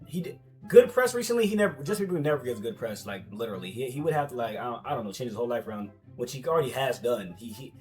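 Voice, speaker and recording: A young American man giving casual, slangy reaction commentary in an animated, argumentative, repetitive way. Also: a little high. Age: young adult. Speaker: commentator reacting to social media posts.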